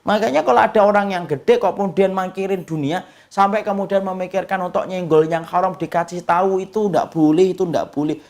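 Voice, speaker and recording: Gravelly male preacher. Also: sits high, steady tone, a little fast, darkish tone. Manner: asks the audience questions and answers them himself; acts out short quoted voices with humor. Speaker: Islamic preacher. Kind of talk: lively sermon to a congregation.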